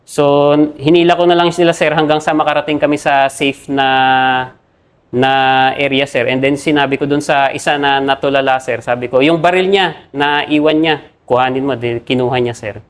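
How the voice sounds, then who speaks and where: A young Filipino man, an army captain, recounting combat in an interview in a halting, deferential way and saying "sir" after nearly every phrase. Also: mid-range voice, little pitch movement, clean tone. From Philippines.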